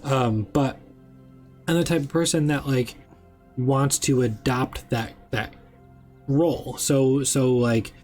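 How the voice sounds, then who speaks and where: A young man who runs tabletop games, chatting casually on a stream with lots of fillers and excited asides. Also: medium pitch, slow pace, long pauses, faint music behind. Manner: rambling, filler-heavy, excitable. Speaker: game master. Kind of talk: casual chat on a live stream.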